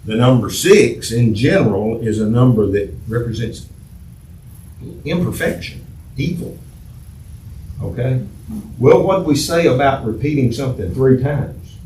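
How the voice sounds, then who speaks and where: A man's voice: medium pitch, expressive, a little slow, long pauses, darkish tone. A man teaching a church Bible class in a conversational way, repeating himself and asking the class questions. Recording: echoey room from far off, faint noise.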